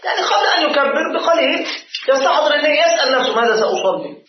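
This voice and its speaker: Egyptian sheikh, brisk fiqh lesson, high voice, echoey lo-fi room. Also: male voice, slight background noise. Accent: Egyptian Arabic. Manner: explanatory, repeats points and quizzes students. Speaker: sheikh teaching Shafi'i jurisprudence. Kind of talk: classroom lesson explaining a fiqh text. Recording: echoey room, dull lo-fi sound.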